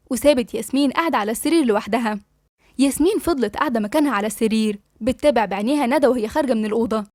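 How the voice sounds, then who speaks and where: Rapid Egyptian woman storyteller. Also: fairly high pitch, a little mellow, no echo, clean studio sound. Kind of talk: audiobook novel narration.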